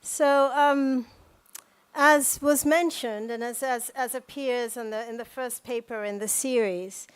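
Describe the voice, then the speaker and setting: A woman moderating a panel, speaking in a measured way with occasional restarts. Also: a little high, fairly even intonation, smooth. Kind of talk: panel discussion.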